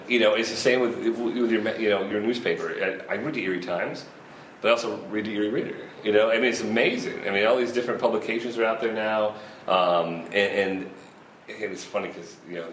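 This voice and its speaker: A man's voice: fairly low pitch, a bit bright. A man in his fifties who organizes a festival, talking in a rambling, casual way with frequent laughs and restarts. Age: 50s. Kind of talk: casual interview chat. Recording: roomy echo with faint ambient noise.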